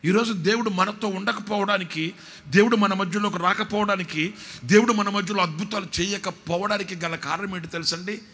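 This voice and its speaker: A man preaching at a whole-night prayer service, shouting to the congregation, then dropping low to tell joking stories. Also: steady tone, normal speed, slightly rough. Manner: shouting, urging the crowd to clap and say amen; drops to a low, joking storytelling tone. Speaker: pastor.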